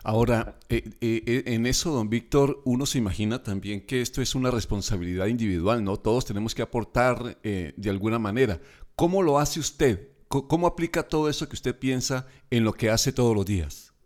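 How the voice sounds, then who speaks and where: Courteous podcast host. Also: male voice, mid-range voice, a little fast. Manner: warm, admiring, courteous. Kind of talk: podcast interview.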